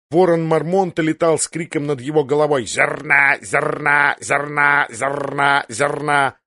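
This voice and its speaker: A man reading a fantasy audiobook aloud in a steady, dramatic narration. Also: a little high, dry recording, studio quality. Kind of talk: scripted narration.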